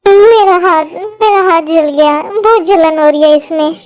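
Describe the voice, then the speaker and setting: A woman's voice: very high voice, a little slow, a little mellow, no echo. A woman voicing a timid teenage schoolgirl in a Hindi fan-dub drama, pleading and easily brought to tears. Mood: crying.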